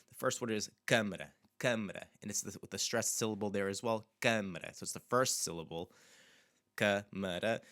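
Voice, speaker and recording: A man, a language teacher, explaining pronunciation in an unhurried way and repeating example words slowly. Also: on the low side, a bit bright, no echo, clean studio sound.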